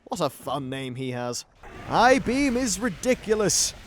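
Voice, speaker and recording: A young gaming YouTuber gives chatty, informal, mildly sweary commentary while playing through a video game. His high-pitched voice is a bit bright, with big pitch swings and a slightly slow pace. Clear background noise and game ambience fill the recording.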